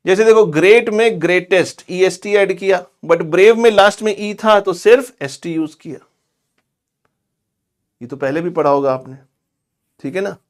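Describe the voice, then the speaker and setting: A man teaching English grammar in a chatty, scolding classroom lecture. He drags out example words slowly. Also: high voice. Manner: chatty and scolding, calls students "bhai" and "pagle".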